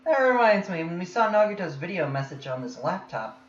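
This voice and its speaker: Man, casual game reading, animated intonation, dull echoey audio, faint noise. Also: high-pitched, a little fast. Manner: reads narration plainly, breaks into laughter between lines. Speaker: player reading the game's main character.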